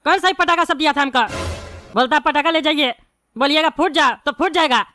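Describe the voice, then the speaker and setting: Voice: sits high, a little fast, sharp tone, faint music behind. A voice actor playing a bald, hot-tempered male politician in a cartoon, given to angry, threatening rants. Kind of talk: cartoon voice acting.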